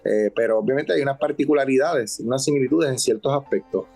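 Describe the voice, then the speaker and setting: A man with a Puerto Rican accent, a counselor on a health talk show, explaining in a calm, measured way and often asking for agreement. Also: medium pitch, gravelly, soft background music. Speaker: substance abuse counselor.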